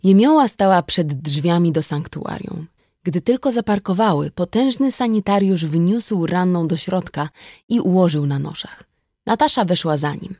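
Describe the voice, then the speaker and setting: A woman reading an audiobook in a measured, even way. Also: on the low side, no echo, clean studio sound. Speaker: audiobook narrator. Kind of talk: scripted narration.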